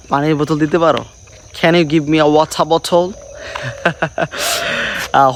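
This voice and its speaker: A man with a Bengali accent gives a casual English lesson outdoors, drilling the same practice line again and again. He talks slowly in a fairly high voice. Faint insect noise hums behind him. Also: fairly bright tone. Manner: repeats practice phrases over and over. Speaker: English teacher.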